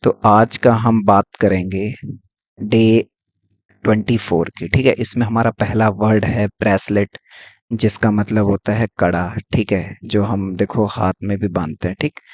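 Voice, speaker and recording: A man teaching English vocabulary in a casual lesson, explaining slowly and asking then answering his own questions. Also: fairly low pitch, steady tone, no echo, dull audio.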